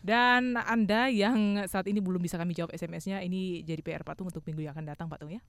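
Female radio presenter, brisk delivery, close and dry studio acoustics. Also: lowish voice, steady tone, no room sound. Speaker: radio host. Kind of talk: radio show hosting.

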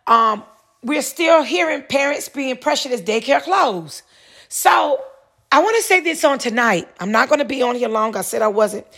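Her voice sits high and is expressive, fairly bright, and slightly rough, moving at a moderate pace. Alone on her podcast, she reads a news article and follows it with rambling, casual commentary, full of repetitions and self-corrections.

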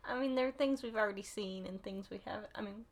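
A woman co-hosting a podcast, bantering playfully in casual chat. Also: mid-range voice. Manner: playful, quick back-and-forth banter. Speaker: podcast co-host.

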